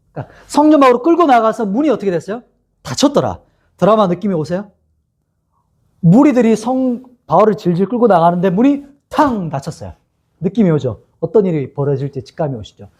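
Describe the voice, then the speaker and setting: A man's voice: high-pitched, mellow. A male pastor giving an expository sermon to young adults, telling the story and asking the listeners rhetorical questions.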